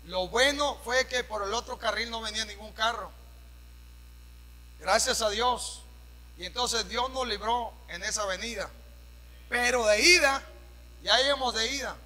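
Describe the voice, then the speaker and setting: A Mexican pastor preaching a sermon, shouting at the peaks and dropping into casual storytelling with questions to the congregation. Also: male voice, extremely high pitch, in a large hall, low-quality recording. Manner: drops to a conversational storytelling tone for anecdotes. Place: church hall.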